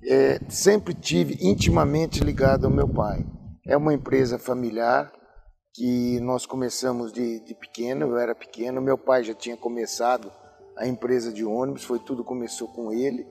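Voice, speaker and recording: A man in his sixties from Brazil, a business owner speaking reflectively in an interview testimony, halting and restarting as he remembers. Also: mid-range voice, steady tone, vocal fry, a little mellow. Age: 60s. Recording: music playing behind.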